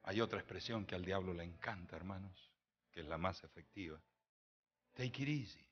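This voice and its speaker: A man's voice: steady tone, brisk, highs cut off. A man preaching a sermon as pastor, telling a story and quoting the people in it. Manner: storytelling preacher quoting conversations, emphatic pitch swings.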